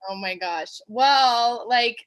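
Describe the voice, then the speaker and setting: A young woman from Georgia, a guest in a casual interview, speaks slowly in a fairly high, somewhat bright voice. She's bubbly and chatty, using lots of fillers.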